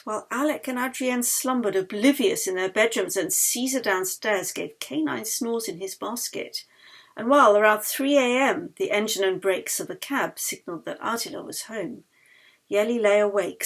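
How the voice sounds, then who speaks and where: Narrating her novel in an expressive audiobook style, a woman uses a medium-pitched, husky and breathy voice at a normal pace. She reads dramatically, letting the ends of phrases fall into a hushed tone.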